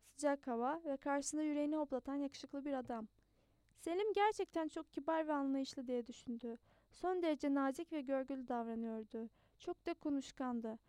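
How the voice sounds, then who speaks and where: Woman narrator for a spy novel audiobook: high voice, dry close sound, measured pace. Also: no room sound. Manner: steady, measured storytelling with occasional small restarts.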